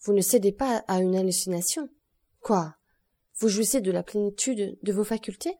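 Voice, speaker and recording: A woman's voice: medium pitch, normal speed, warm tone, close to an everyday voice. Woman reading a stern male court president. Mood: urging. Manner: stern, questioning.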